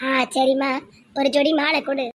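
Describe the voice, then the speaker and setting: Cartoon village gossip, a woman doing a chatty village woman, Tirunelveli accent, high flat voice, teasing tone. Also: normal speed, close to an everyday voice. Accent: Tirunelveli Tamil. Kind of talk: cartoon voice acting.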